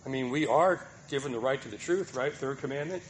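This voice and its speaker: A man's voice: medium pitch, brisk, slight background noise. A man preaching a sermon, asking the listeners rhetorical questions and checking in with a repeated "right?".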